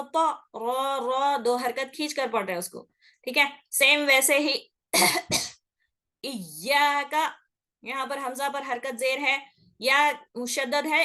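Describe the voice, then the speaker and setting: A woman's voice: high voice, pushed and bright. A woman teaching Quran recitation rules in a patient lesson, checking in often and stretching sounds out to demonstrate. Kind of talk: explanatory classroom lesson.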